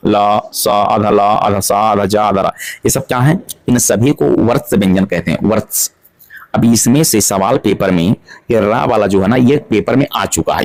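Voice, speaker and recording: A man teaching an exam-prep grammar lesson, asking questions and answering them himself to drill each point. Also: on the low side. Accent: Hindi-speaking North Indian.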